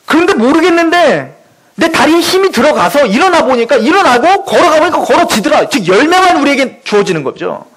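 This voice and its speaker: A man's voice: extremely high pitch, rough recording. A male pastor preaching a sermon in church, emphatic and full of rhetorical questions.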